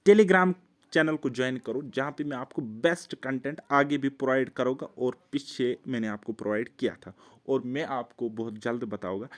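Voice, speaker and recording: A man from Jammu and Kashmir coaching students for government exams in a relaxed, talky way, close to the mic. His pitch sits in an ordinary middle register. He leans on little check-ins and repeats his key points with earnest insistence. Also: moderate pace. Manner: conversational, keeps checking with "ठीक है"; earnest, pleading repetition. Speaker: exam coach and channel host. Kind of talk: casual Hindi coaching talk to camera.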